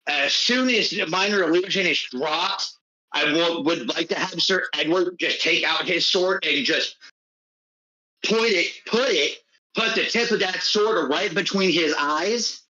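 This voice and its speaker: A man's voice: high-pitched, measured pace, sharp tone. A man playing a tabletop game, casually narrating his character's moves on a slightly muffled mic.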